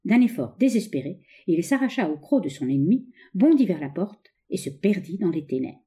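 A woman narrating a novel as an audiobook, with expressive, dramatic storytelling. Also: lowish voice.

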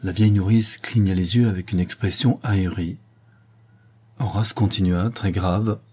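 Husky, low-voiced male narrator. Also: fairly even intonation, normal speed, dark tone. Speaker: audiobook narrator. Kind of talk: scripted narration.

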